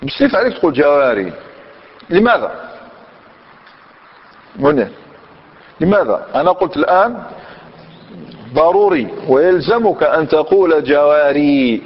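Male grammar teacher, fairly high voice, quizzes his students, lo-fi recording with long echo. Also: sing-song, normal speed, long pauses. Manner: questions the class and repeats answers. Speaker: Islamic scholar teaching Arabic grammar. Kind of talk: classroom grammar lesson. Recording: dull lo-fi recording in a reverberant hall.

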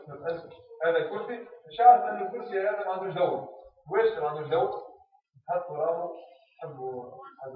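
A Tunisian man teaches a classroom lesson, pressing his students with question after question at a quick clip. His voice sits fairly high for a man. It comes through a tinny, phone-like channel, heavily echoey and from well off the mic. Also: distant mic. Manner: quizzes the class with repeated questions.

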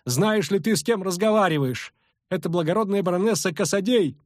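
A man doing a shrill wailing old noblewoman. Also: dry recording, studio quality, lightly acted. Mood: indignant. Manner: wailing, slow and drawn out. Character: shrill older noblewoman chaperone, indignant.

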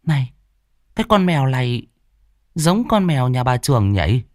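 A man's voice: mid-range voice, big pitch swings, moderate pace, no room sound, clean studio sound, voice pushed up, natural voice. A man voicing an anxious older village wife who hesitates and wonders aloud. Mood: uneasy.

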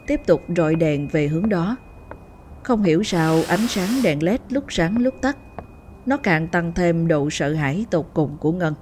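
A woman narrates a ghost story in a steady, measured storyteller's delivery. Her voice is low-pitched and dark, with a mellow tone. Faint music plays underneath. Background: faint background music.

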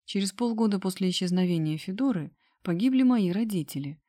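A woman narrating a first-person story as an audiobook, in steady storytelling. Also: medium pitch, brisk.

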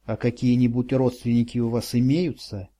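A man voicing a kind, bewildered passerby who speaks gently and reassuringly. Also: mid-range voice, level tone, normal speed, lightly acted. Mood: soothing.

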